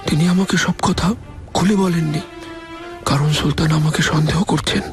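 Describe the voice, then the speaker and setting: A man's voice: fairly high pitch, fairly even intonation, normal speed, close to an everyday voice. A man dubbing a palace servant who reports secrets to a sultana in a TV drama. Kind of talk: dubbed TV drama. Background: music.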